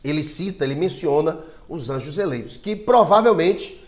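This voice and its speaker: A man's voice: a little high, animated, normal speed. A man with a Brazilian Portuguese accent, a pastor teaching a Bible lesson, who reads verses aloud with emphasis and keeps checking in with his listeners.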